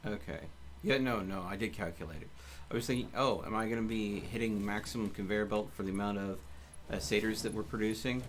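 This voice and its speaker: A game streamer gives casual live commentary, thinking aloud and muttering to himself in a lowish voice at a fairly quick pace. Background noise is clearly audible.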